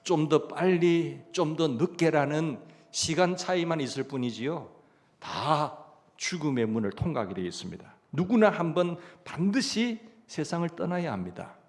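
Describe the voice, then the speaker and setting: Storytelling Korean pastor preaching a sermon. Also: male voice, fairly high pitch, expressive, moderate pace. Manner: storytelling preacher, asks the congregation questions. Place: church sanctuary.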